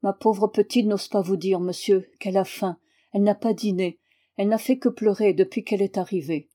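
A woman's voice: mid-range voice, steady tone, normal speed, mellow, natural voice. Woman reading a protective old nursemaid.

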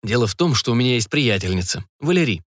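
Man doing shy young man, audiobook, earnest, hesitant, mid pitch, dry recording. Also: sing-song, fast talker, no room sound. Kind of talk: audiobook reading.

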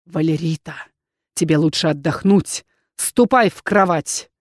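A woman voicing a weary aristocratic man, a duke, who speaks slowly and coldly. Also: fairly low pitch, no echo, clean studio sound, lightly acted. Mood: stern. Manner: slow, flat and detached.

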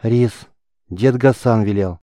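A man's voice: lowish voice, slow, mellow, dry recording, studio quality. A man voicing a hesitant, guarded young mage who mumbles short answers, in an audiobook.

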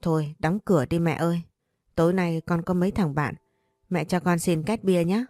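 A woman's voice: fairly low pitch, fairly even intonation, normal speed, mellow, dry recording, studio quality, faint music behind, close to an everyday voice. A woman voicing a cocky, lazy young man who talks back to his mother in a cheeky, offhand way.

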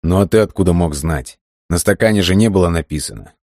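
Man doing a loud, crude young hothead. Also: low voice, brisk, dry recording, studio quality. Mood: grumbling. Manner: swears, yells abuse.

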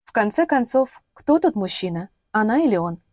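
A woman reading a novel aloud in steady, measured scripted narration. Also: medium pitch, no echo, clean studio sound. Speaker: audiobook narrator.

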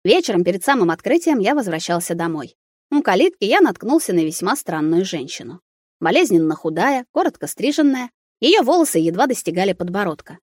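A woman narrating a story aloud in an expressive, animated reading. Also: mid-range voice, fairly quick, dry recording, clean studio sound. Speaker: audiobook reader.

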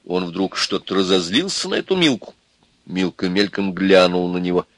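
A man narrating a literary audiobook in an expressive storytelling manner. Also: sits low, normal speed, no echo.

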